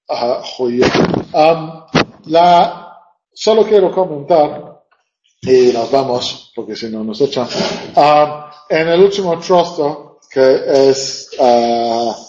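A man's voice: mid-range voice, dark tone, echoey room, a little hiss or hum. A male teacher giving a classroom lecture, thinking aloud and reciting verse lines with stressed beats. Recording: dull lo-fi classroom recording.

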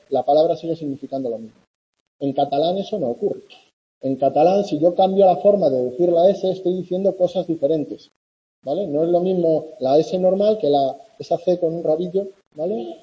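A man from giving a university lecture in a conversational way, often checking in with students and filling pauses. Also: fairly high pitch, dull audio. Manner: conversational, with many fillers and "¿vale?" checks. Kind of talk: classroom lecture.

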